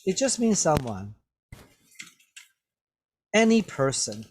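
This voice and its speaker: A man's voice: a little high, sing-song, takes it slowly, slight background noise. A man teaching English, reading a story aloud to students and explaining the words, patiently repeating each one several times into a webcam.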